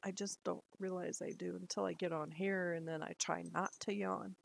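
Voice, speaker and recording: A woman's voice: fairly low pitch, little pitch movement, normal speed, creaky, slight background noise, low-quality recording. A middle-aged woman chatting casually to camera at home, rambling and laughing often. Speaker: lifestyle vlogger. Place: at home, indoors.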